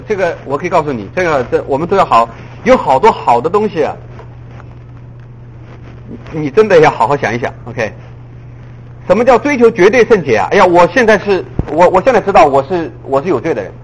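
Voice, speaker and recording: A man preaching a sermon in a lively way. He fires off rhetorical questions at his listeners and often chuckles at his own points. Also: sits high, a little fast, a little hiss or hum, rough recording.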